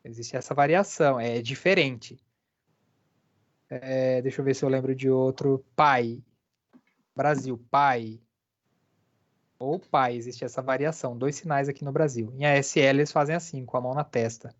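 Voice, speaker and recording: An interpreter voices a deaf lecturer's talk live, speaking in halting phrases full of filler pauses. The pitch sits in the middle of the range. The stream sounds dull and lo-fi. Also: steady tone.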